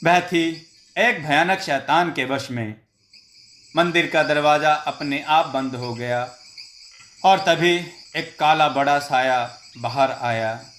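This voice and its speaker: A man narrating a scripted horror story in a slow, dramatic storytelling manner. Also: fairly high pitch, a bit bright.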